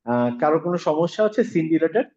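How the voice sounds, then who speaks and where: Man, teacher on a video call, patient, slowly repeated sounds, slightly high voice, dull lo-fi audio. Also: expressive, a little mellow. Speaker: Quran recitation teacher. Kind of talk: online class teaching pronunciation.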